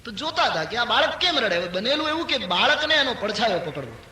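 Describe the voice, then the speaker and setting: Older man, sermon storyteller, high and very bright voice, swings from loud emphasis to low narration, echoey hall. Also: very animated, fairly quick. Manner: rises sharply for emphasis, drops low for storytelling. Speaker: spiritual storyteller. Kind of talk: devotional discourse with chanted verse. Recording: echoey hall with faint ambience.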